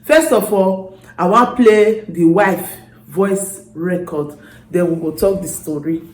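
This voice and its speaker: A woman's voice: fairly low pitch, takes it slowly, a little mellow. A Nigerian woman hosting a storytelling vlog in Nigerian Pidgin, addressing followers casually and repeating words for emphasis. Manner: emphatic word repetition. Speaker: YouTube storyteller and channel host. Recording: roomy echo.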